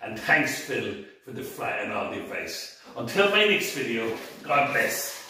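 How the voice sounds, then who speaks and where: A man's voice: mid-range voice, sing-song, measured pace, pushed and bright. A tired man chatting cheerfully to camera as a fishing vlogger, laughing often. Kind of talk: casual chat to camera. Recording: very echoey, voice from a distance.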